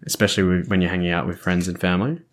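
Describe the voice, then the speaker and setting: An Australian man with a low, steady voice hosts a podcast, talking at a racing speed. He chats casually and rambles, often restarting sentences and searching for words.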